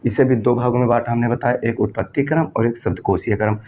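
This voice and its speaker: A man teaches an exam-prep grammar lesson in a relaxed, mellow voice. He poses questions and answers them himself, repeating the key terms. The recording is dull and lo-fi, with a faint hiss of noise behind him. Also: mid-range voice, fast talker. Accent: Hindi, from northern India.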